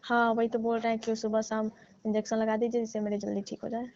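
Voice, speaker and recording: On a staged comic phone call, a young woman poses as a patient, teasing and coaxing the man she calls uncle. Her slightly high, mellow voice is monotone and quick, and the call recording sounds muffled.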